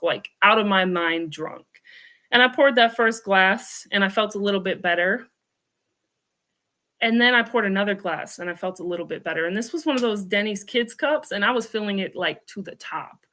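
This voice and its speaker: Woman in her 30s opening up about her past, bright clear voice, candid w/ little wry jokes. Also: medium pitch. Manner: candid and reflective, with wry asides. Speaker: guest author. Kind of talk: personal storytelling.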